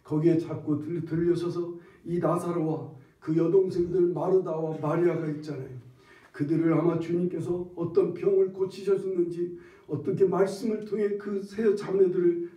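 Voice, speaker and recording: A male preacher retelling a story in an animated way, in an echoey hall heard from far off. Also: fairly high pitch, moderate pace, muffled recording. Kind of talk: sermon storytelling.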